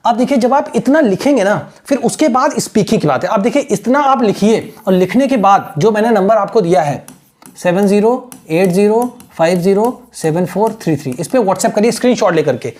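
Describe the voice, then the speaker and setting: A man, teaching as an English tutor, dictates phrases slowly and repeats them word by word. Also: high-pitched, expressive, darkish tone. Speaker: English tutor for exam aspirants. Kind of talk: online lesson dictation.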